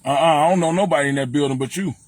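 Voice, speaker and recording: A man's voice: on the high side, very fast, a little mellow, breathy edge. A man with a Chicago accent hosting a casual livestream, blunt and preachy, speaking straight to his viewers. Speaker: livestream host.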